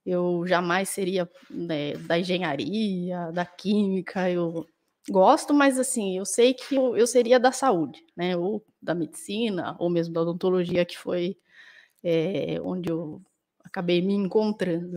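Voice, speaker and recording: A woman's voice: on the low side, a little slow, a little mellow. A woman dentist and author answering interview questions, thoughtful and full of restarts and tag questions, with a Brazilian accent. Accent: Brazilian Portuguese.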